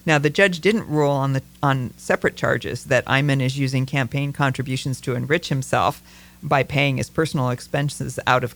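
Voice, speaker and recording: A man's voice: mid-range voice, creaky, a bit bright. A man co-hosting a casual political talk show, speaking thoughtfully with many fillers and restarts.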